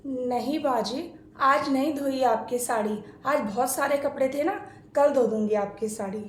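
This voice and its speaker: High-voiced woman acting a family skit. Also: unhurried, roomy sound.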